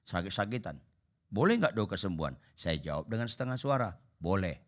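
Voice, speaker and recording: A man preaching to a congregation, animated and humorous, acting out conversations and swinging between shouts and half voice. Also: on the low side, a little fast. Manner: animated, acts out dialogues, shouts and drops to half voice. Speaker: pastor. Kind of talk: humorous sermon. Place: church hall before a congregation.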